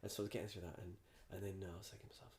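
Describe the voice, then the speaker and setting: Low-voiced man telling a rambling story. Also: level tone, rapid-fire, darkish tone. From Ireland. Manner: rambling, storytelling with many restarts. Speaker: comedian guest. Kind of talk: casual podcast chat.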